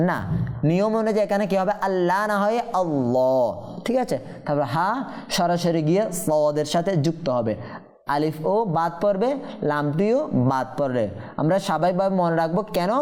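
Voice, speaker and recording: A man teaching tajweed, explaining each rule patiently, checking that listeners follow, and chanting verses slowly. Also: a little high, a little mellow. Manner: patient, explains step by step and often checks understanding; draws out Quranic verses in slow melodic chant. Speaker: Quran recitation teacher. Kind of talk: tajweed lesson with chanted recitation.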